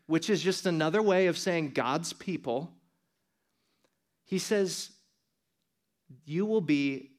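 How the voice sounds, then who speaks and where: Impassioned male preacher, slightly high voice. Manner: impassioned, urgent exhortation rising and falling in force. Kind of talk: sermon.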